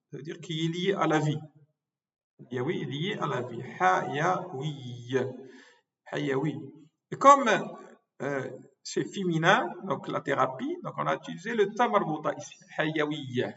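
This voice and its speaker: Male lecturer, higher voice, deliberate repetitive delivery; distant lo-fi recording. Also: animated, a bit bright. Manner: slow, repeats words and spells them out syllable by syllable. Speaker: medical school professor. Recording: distant mic, dull lo-fi sound.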